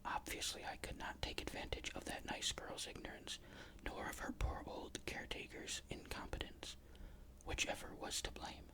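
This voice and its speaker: Whispered ghost story narration. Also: moderate pace. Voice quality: unvoiced, breathy whisper.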